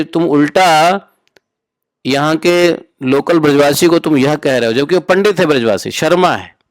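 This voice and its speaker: With no room sound around him, a fairly high-pitched man acts as a spiritual teacher in a loose, conversational scripture talk. He keeps tossing rhetorical questions at his listeners and wanders into casual stories along the way.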